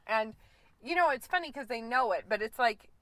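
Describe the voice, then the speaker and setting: A woman in her forties co-hosting a podcast in casual chat, telling animated stories and acting out quotes. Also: fairly high pitch, normal speed, low-quality recording. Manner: animated storyteller, acts out quotes with laughter. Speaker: podcast co-host.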